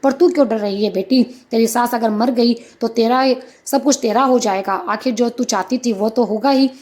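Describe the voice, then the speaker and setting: A cold, scheming middle-aged mother from a spoken story, played by a woman narrator. She talks bluntly and without pity in a slightly high voice. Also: normal speed, a little mellow, close to an everyday voice. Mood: callous. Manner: blunt, callous.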